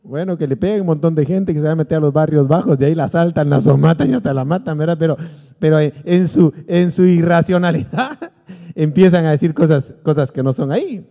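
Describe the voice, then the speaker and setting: A man, a pastor, preaching a sermon, animated, acting out quotes from the people in his stories. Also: fairly high pitch, brisk, gravelly. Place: church hall. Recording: long church reverb.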